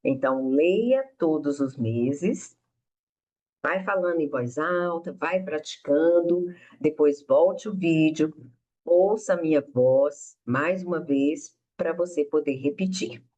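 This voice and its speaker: A woman from Brazil teaching an English lesson, clearly modeling words for learners to repeat. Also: low-pitched, takes it slowly, warm tone, low-quality recording. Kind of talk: recorded online lesson narration.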